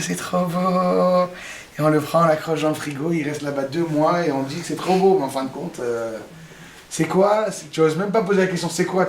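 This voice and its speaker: Lively, joking rabbi. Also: male voice, on the high side, slight background noise. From Morocco. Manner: lively, joking, talks to the audience. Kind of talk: humorous religious lesson. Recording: roomy, distant mic.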